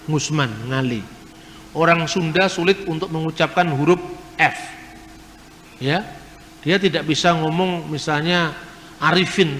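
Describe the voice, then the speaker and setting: A man's voice: on the high side, a bit bright. A man giving an explanatory lecture, spelling out sounds and letters one by one to make his points. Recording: long reverb of a hall.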